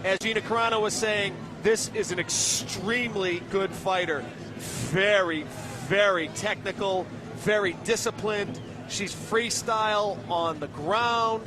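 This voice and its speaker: A man doing energetic play-by-play commentary for a fight broadcast. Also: high voice, unhurried, noisy background. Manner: energetic, hyping.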